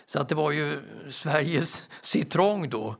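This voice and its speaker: A man's voice: a little high, gravelly. An older man, a sports commentator on a panel, telling anecdotes with lots of stammered repetitions. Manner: stammering repetitions, excitable storytelling.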